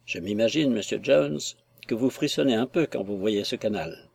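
A man's voice: fairly low pitch, normal speed, gravelly, slightly rough. A man reading as a shy young lady. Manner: soft, hesitant replies. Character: young gentlewoman, shy and tender.

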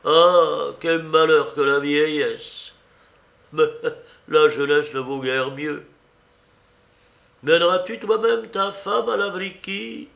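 A man's voice: a little high, slow, gravelly, long pauses, a bit bright, voice pushed up, exaggerated voice. A man voicing an elderly aunt in an audiobook, fussy and shrewd, with a quavering sing-song manner. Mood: fretful.

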